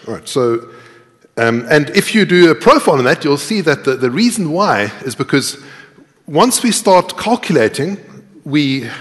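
A middle-aged man with a medium-pitched, fairly bright voice gives a conversational, step-by-step live coding talk, putting questions to the audience. He works as a conference speaker and programming instructor. The audio echoes with the reverb of a large indoor tiered lecture hall.

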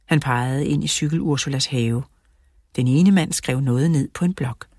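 A woman narrating a children's audiobook in a steady storytelling manner, close to the mic. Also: rumbling low, husky, dry recording.

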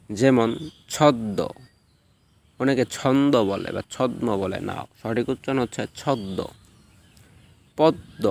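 A man's voice: medium pitch, slight background noise. Man teaching with self-answered questions. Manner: explains step by step, asking and answering his own questions. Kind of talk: exam-prep pronunciation lesson.

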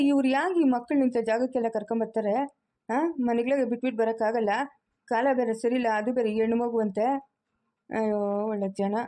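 A woman's voice: a little high, mellow, natural voice. A woman playing a chatty male vegetable seller calling out his wares in an amateur family skit.

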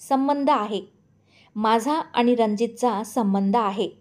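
A woman reading a story aloud, voicing a calm, firm young woman teacher who speaks steadily. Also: a little high, slow. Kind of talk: audiobook character voice.

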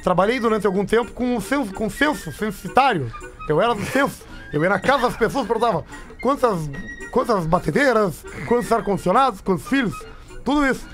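A high-voiced man spins a comic tale on the radio. He repeats phrases to build drama, close on a studio mic with music underneath. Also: expressive, a little fast, a bit bright. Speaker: radio show comedian. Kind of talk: comic storytelling in radio banter. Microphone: studio microphone, close, with headphones.

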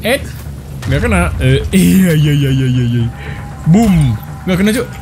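With game music in the background, this young streamer gives casual let's play commentary on his own game. His voice is on the high side and unhurried, and he's playful and excitable, tossing out jokey slang and squeals.

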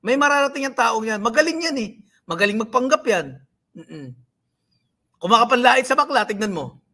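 A man's voice: very high voice, animated, normal speed, sharp tone. A man hosting a livestream, mocking and scolding the people he talks about in a rant. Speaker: livestream host. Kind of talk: live-stream commentary.

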